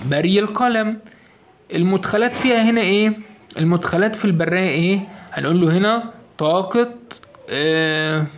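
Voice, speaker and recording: A man with an Egyptian Arabic accent teaching a science lesson, asking questions and answering them himself. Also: high voice. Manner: asks questions and answers them himself, repeats key points. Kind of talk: fast classroom lesson explanation.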